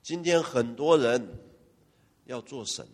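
A male pastor preaching a lively, humorous sermon and firing questions at his congregation. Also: mid-range voice, slow pace. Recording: long church-hall reverb.

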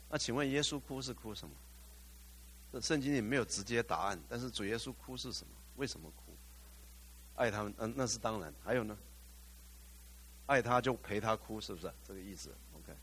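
A man's voice: on the low side, a bit bright, breathy edge. A male pastor preaching a sermon, putting questions to the congregation, slipping in English phrases and rising to fervent exclamations.

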